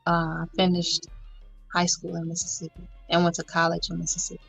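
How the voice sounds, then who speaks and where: A woman in her thirties from Houston, a podcast guest speaking in a measured, thoughtful way with many fillers. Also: lowish voice, monotone, creaky, a bit bright, husky, dry recording, soft background music. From Houston, Texas, US. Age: 30s. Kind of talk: casual podcast interview. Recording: dull lo-fi recording.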